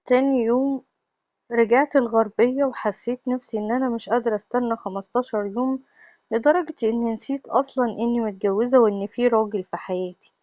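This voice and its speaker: A woman with an Egyptian accent telling a first-person confessional story in a steady, plain way. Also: a little high, quick pace, dry recording, highs cut off. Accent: Egyptian Arabic.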